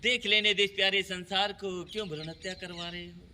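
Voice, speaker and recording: A man's voice: sits high, steady tone, brisk, pushed and bright. A man voicing an unborn baby girl who recites pleading verses, recorded at a noisy school show.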